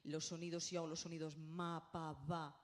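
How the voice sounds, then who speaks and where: Lady speech therapist lecturing at a conference, animated, middle-aged, keeps asking the room little questions. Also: deep voice, normal speed. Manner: animated, lively, checks in with tag questions. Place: conference hall.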